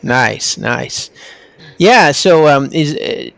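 A man's voice: on the high side, animated, very slow, vocal fry, a bit bright, dry recording. A man hosting a podcast in a casual, chatty interview style. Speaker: podcast host.

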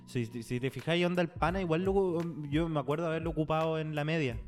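A man's voice: a little high, fast talker, a little mellow, soft background music. A young Chilean man co-hosting a podcast, joking around in slangy casual chat. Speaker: podcast co-host.

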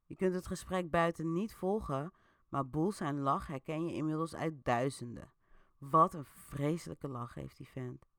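Chatty woman with a bright, dry voice. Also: sits low, measured pace, dry recording. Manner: chatty, playful, many fillers. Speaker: interactive story host. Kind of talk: casual storytelling with audience votes.

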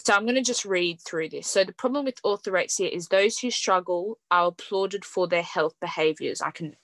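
A young woman talks in a casual podcast chat, her voice sitting on the lower side. The sound is dry and close, with no room around it. She rambles easily, full of fillers and quick laughs. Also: dry recording. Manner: chatty, fillers like "like" and "um", laughs often. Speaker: podcast host.

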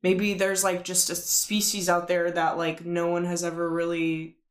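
A woman's voice: lowish voice, monotone, moderate pace. A young woman from Washington state co-hosting a casual podcast, full of "like" and swearing. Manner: casual, filler-heavy, swearing. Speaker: podcast co-host. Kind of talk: casual chat. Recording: roomy echo.

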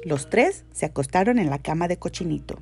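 A woman reading a children's story aloud, gentle and expressive, hushing her voice in the tense parts. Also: fairly low pitch, brisk, creaky, faint music behind.

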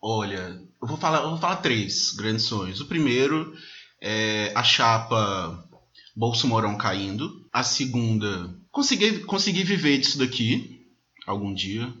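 A man in his thirties from Brazil, a podcast host chatting casually in a relaxed way and laughing often. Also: on the low side, unhurried, a little hiss or hum. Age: 30s. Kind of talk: casual chat. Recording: roomy, dull lo-fi sound.

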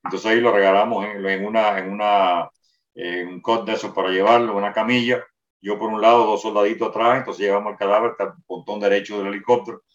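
An older man recounts a memory in rapid, detailed first-person testimony, often restarting his phrases. His voice sits a bit low and reaches the listener from a distance. The room around him is roomy and the sound is dull. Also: fairly even intonation. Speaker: interviewee recounting a wartime memory.

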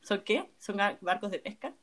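A woman's voice: medium pitch, animated, normal speed, a bit bright. A woman hosting a casual conversation, chatty and laughing often.

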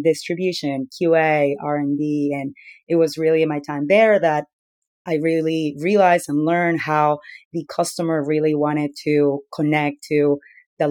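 Woman, even-toned interview guest. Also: deep voice, dry recording. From Peru. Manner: explanatory, steady, with occasional fillers. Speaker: company founder as guest. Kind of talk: conversational interview answers.

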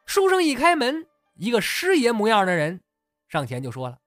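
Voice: mid-range voice, huge pitch swings, normal speed, a bit bright, no room sound, studio quality, soft background music. A storyteller telling a comic tale casually, chuckling along and using many fillers. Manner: chatty, laughs at own story, many fillers. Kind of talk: comic oral storytelling podcast.

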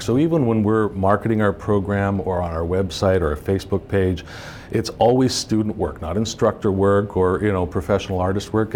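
A middle-aged man with a lowish voice explains his field in a relaxed interview. He is recorded indoors in a hallway, with slight ambient noise behind him. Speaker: makeup department head, interview guest.

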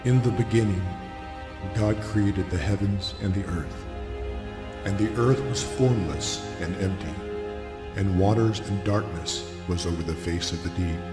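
A man giving a solemn, grand biblical narration in a measured, dramatic scripted reading. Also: low-pitched. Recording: echoey hall reverb, loud new-age music. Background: loud new-age background music.

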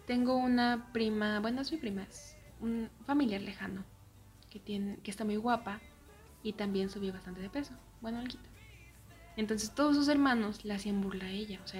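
A young woman with a Mexican accent telling a personal story in a casual way, often dropping into soft, near-whispered asides. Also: mid-range voice.

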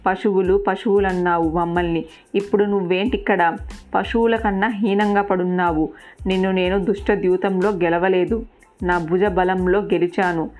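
A woman's voice: lowish voice, fairly even intonation, normal speed, a little mellow, lightly acted. A woman voicing a furious, mighty male warrior who taunts his fallen enemy harshly, with faint music behind. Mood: taunting.

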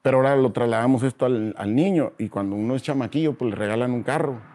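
A man with a Mexican Spanish accent, a guest in a casual interview, talking in slangy, animated bursts and acting out voices as he tells stories. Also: mid-range voice, fast talker, slight background noise.

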